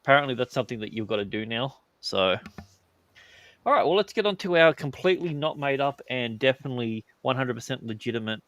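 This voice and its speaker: A man with an Australian accent hosting a live podcast, reading chat messages aloud and making crude, deadpan jokes. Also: mid-range voice, quick pace. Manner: crude joking, deadpan asides. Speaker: podcast host.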